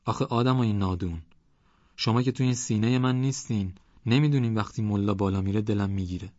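A man's voice: fairly low pitch, darkish tone, no room sound, dull audio, close to an everyday voice. A man voicing an emotional, blunt old village man who weeps openly. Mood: plaintive.

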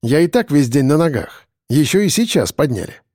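Brief: man playing a worn-out, measured police chief in an audiobook, mellow voice, dry sound. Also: on the high side, no room sound. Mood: weary, even. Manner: weary, even and measured. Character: tired, weary middle-aged male police lieutenant colonel. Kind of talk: audiobook reading.

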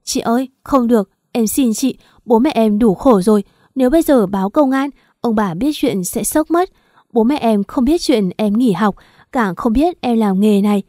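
A frightened young woman pleads tearfully in this audio story, played by the woman narrator. Her pitch sits a bit higher than the narration while the tone stays mellow. The sound is dry and close. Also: normal speed, no room sound, natural voice. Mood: pleading.

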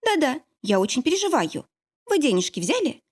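A woman reading an audiobook, voicing a heroine who fakes a squeaky, sugary young woman's voice and chatters sweetly. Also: big pitch swings, fairly quick. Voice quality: squeaky, syrupy. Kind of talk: audiobook character voice.

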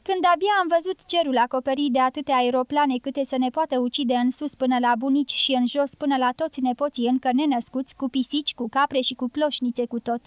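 Woman voicing a joking guerrilla man, pitched up. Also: fairly even intonation, hardly any pauses, clear, resonant tone, no room sound, close to an everyday voice. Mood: mocking, voluble. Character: joking, fearful Romani man, a guerrilla fighter.

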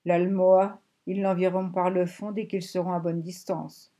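Scheming old German ex-soldier, read by a woman, urgent and loud, mellow dark tone. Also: fairly low pitch, level tone, unhurried, lightly acted. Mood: grim. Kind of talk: audiobook reading.

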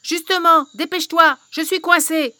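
A woman doing a cruel old witch with wild hair, snarling and commanding, bright biting tone, loud shouted orders, storybook voice, dry close sound. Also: on the high side, lively intonation, a little slow, dry recording. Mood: furious. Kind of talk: storybook reading.

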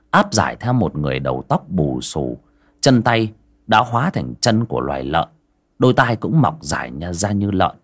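Male storyteller, deep and lively, dramatic horror reading. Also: slightly rough.

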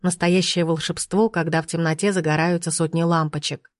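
A woman narrates an audiobook in a calm, even manner, her voice sitting a little low. The recording is close and dry, with no room sound. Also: fairly quick, no echo. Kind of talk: audiobook reading.

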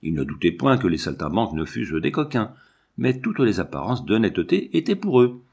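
A man narrating a children's storybook aloud, with an expressive, lively reading. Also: on the low side, a little fast, creaky, slightly rough.

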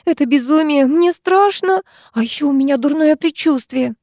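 A woman reading an audiobook, voicing a timid, frightened teenage schoolgirl in a high, pleading, trembling voice. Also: unhurried, mellow, dry recording, clean studio sound.

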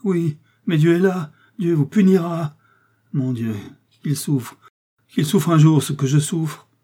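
A man's voice: slow, warm tone, slightly rough. Man voicing a dying poisoned soldier, agonized. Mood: accusing. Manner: strained, high, pleading cries. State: agonized, accusing.

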